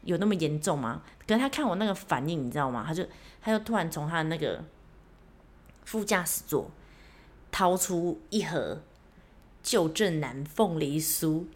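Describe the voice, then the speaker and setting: A young woman hosts her own podcast, telling a story from her life on her own. She talks in a chatty, animated way and pokes fun at herself as she goes. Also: deep voice, moderate pace, long pauses. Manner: chatty, self-mocking, animated. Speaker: podcast host. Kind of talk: casual solo storytelling.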